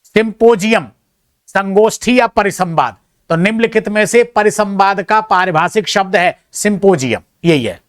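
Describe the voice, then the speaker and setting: A man's voice: sits high, moderate pace, no echo, clean studio sound. A male teacher working through an exam answer key, reading each question aloud and checking the options one by one, with chatty, self-deprecating asides to his students.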